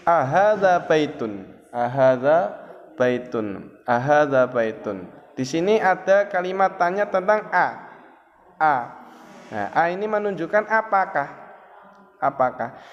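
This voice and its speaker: Male teacher, slightly high voice, patient step-by-step explainer, in a roomy, dull-sounding recording. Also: animated, a little slow, pauses often. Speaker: Arabic teacher. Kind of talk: classroom explanation with a student. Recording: roomy, dull lo-fi with faint ambience.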